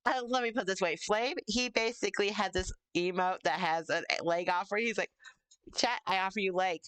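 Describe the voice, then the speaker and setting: A woman with a smooth, clear voice chats casually as a stream host. She rambles along playfully, and the sound is dry and close, free of room echo. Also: medium pitch, fairly even intonation, a little fast, a bit bright. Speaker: streamer hosting an interview stream. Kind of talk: casual chat.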